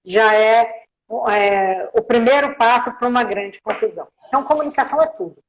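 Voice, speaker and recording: A woman's voice: a little high, moderate pace, low-quality recording. A woman, a guest on a live-streamed interview, explaining her points with everyday examples and frequent filler tags. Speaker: guest communication professional.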